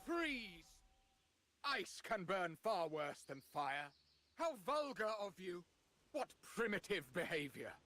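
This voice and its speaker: A man acting a haughty, scandalized aristocratic ice artist in a video game, fastidious and pompous in his theatrical delivery. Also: sits high, sing-song, pushed and bright, exaggerated voice. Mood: scandalized outrage.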